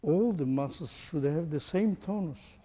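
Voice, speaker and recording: A man's voice: on the high side, a little slow. Man quizzing a class in a hall. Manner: questioning, demonstrating, animated. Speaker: teacher. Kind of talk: interactive lecture to a group.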